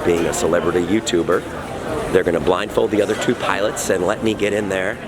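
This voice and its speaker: A man's voice: low voice, steady tone, a little fast. A man vlogging casually on the move, rambling and joking with his friends. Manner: wisecracking, rambling. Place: airports and airplane cabin. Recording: loud travel and vehicle noise.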